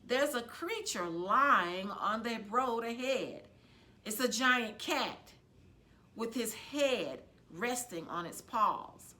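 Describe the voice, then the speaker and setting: Her voice a little high, a woman gives a librarian-style reading of a children's novel. The delivery is deliberate in phrasing and dramatic, expressive in tone.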